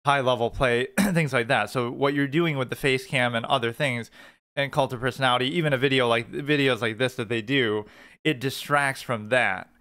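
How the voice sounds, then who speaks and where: Bright, clear-voiced man giving critical commentary. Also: medium pitch, normal speed. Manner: critical, argumentative. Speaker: reaction commentator. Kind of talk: opinionated off-the-cuff video commentary.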